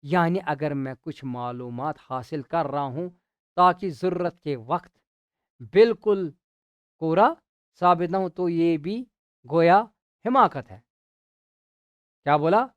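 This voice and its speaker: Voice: mid-range voice, slow, pauses often, smooth, no echo. A teacher explaining a school drama chapter line by line, often repeating phrases, asking the listener questions and slipping in English glosses. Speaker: Urdu teacher.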